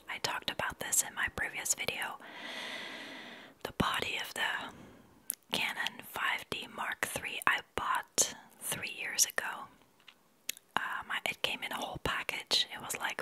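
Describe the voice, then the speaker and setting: A young adult woman leaning in close to the microphone, speaking in a soft, breathy whisper as she chats casually to viewers as an ASMR host. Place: small attic studio, indoors. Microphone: large microphone close to the mouth.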